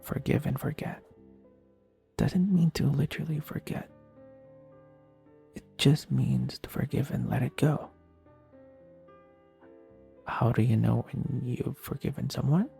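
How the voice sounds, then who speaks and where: Over soft instrumental music, a man with a medium-pitched voice takes on the role of a tender best friend offering comfort. His soft, breathy delivery is soothing, sincere and slow, keeping a calm, consoling mood.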